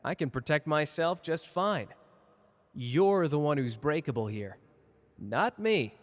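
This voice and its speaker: A man's voice: a little high, lively intonation, slow pace. Man acting cocky, flirty Gojo in long reverb. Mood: annoyed, defensive. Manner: teasing, casual, boastful. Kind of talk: ASMR character roleplay addressed to listener.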